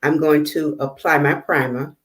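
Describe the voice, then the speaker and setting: Woman host, low voice, casual halting tutorial patter on a video call. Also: steady tone. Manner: halting, many fillers while working; checks the viewers can see. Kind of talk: casual live demonstration.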